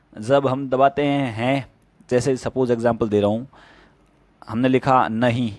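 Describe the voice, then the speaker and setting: A man's voice: medium pitch, darkish tone, no echo. A man who teaches stenography gives a casual spoken tutorial with plain, step-by-step tips.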